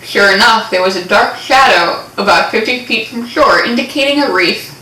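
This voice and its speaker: A woman's voice: medium pitch, expressive, moderate pace, sharp tone, a little hiss or hum. Playful theatrical young woman reading aloud. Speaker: co-host reading fan fiction. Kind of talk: casual reading aloud with comic asides. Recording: echoey room, distant mic.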